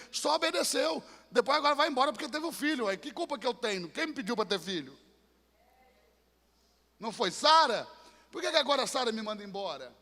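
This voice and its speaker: A man preaching a dramatic sermon, swinging from hushed asides to shouted climaxes. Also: high-pitched. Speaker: pastor. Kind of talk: impassioned sermon. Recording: long church-hall reverb.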